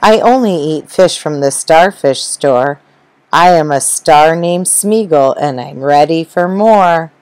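A woman reading as a greedy male seagull from a storybook, bragging and insisting on more fish. He speaks slowly in rhyme, low and steady. The sound is dry and close. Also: clean tone, dry recording, rough recording. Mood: insistent. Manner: boastful, insistent. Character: hungry demanding male seagull.

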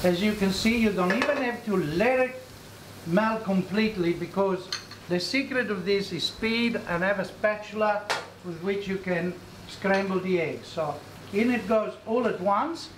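Speaking at a measured pace in a high voice, a middle-aged man demonstrates cooking and explains as he goes. He is a cooking show host in a commercial kitchen, and the recording is echoey, with faint sizzling and a noisy background.

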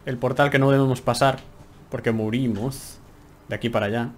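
A young man with a Spain Spanish accent streams gameplay from home, his mid-range voice brisk and steady in tone, with slight background noise. He keeps up casual, chatty commentary full of exclamations, talking to himself while he plays.

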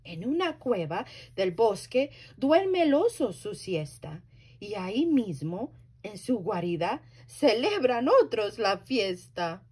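A woman working as a library storyteller, reading a children's story aloud slowly and very expressively. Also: medium pitch, big pitch swings, darkish tone, slightly rough.

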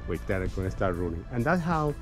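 A man's voice: low-pitched, sing-song, fast, music in the background, rough recording. A man giving a casual history talk as a tour guide, chatty, often calling listeners "guys" and restarting his sentences, recorded outdoors on a city street by a camera mic. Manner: chatty, addresses listeners as "guys", many "okay" and "right" tags; frequent restarts and small laughs.

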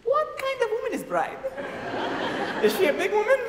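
A man's voice: extremely high pitch, huge pitch swings, moderate pace, over a noisy crowd, exaggerated voice. A young man playing a vain, flamboyant Latin lover on stage, bombastic and cowardly, speaking of himself in the third person. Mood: amorous. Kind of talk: broad stage comedy acting. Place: large theatre stage, filmed from the audience. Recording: echoey theatre, noisy, from the audience.

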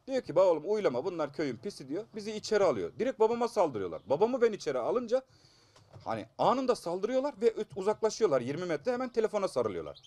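A man's voice: sits high, huge pitch swings, fast talker, mellow, no echo. A man in his thirties with a blocked, congested nose, telling a news interviewer about an assault in an urgent, aggrieved and pleading manner. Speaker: assault victim giving a statement.

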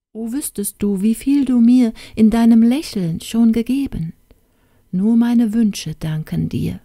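A woman's voice: medium pitch, dark tone, no room sound, clean studio sound. A woman reading a tender, lovesick young dreamer. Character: lovesick young male gem-cutter, gentle dreamer. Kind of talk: storybook reading.

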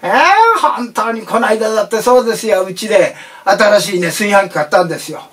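A man's voice: high-pitched, fairly even intonation, a little fast, fairly bright tone, recorded from a distance. A man performing a comic monologue on stage without an audience, chatty and playful with many asides. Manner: chatty, playful, lots of asides and voiced impressions. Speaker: rakugo storyteller. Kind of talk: comic monologue, then storytelling narration.

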